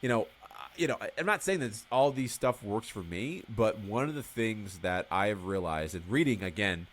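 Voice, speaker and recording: A man's voice: lowish voice, animated, normal speed, slight background noise. A man as a podcast guest, talking candidly and swearing freely, telling stories with acted-out dialogue in casual conversation.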